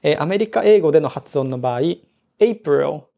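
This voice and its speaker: A man with a gravelly, mellow voice reads out a listener's letter on a casual podcast. His delivery is easygoing, with chuckles between sentences. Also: on the high side, quick pace. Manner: relaxed, chuckling, mixes Japanese and English. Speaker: podcast co-host. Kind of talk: reading a listener letter aloud, casual chat.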